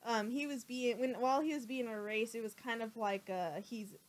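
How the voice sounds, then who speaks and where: A young woman with a fairly high voice talks casually on a livestream. She explains things hesitantly and rambles, with plenty of fillers along the way. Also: steady tone, moderate pace. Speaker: livestream co-host. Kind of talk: casual chat.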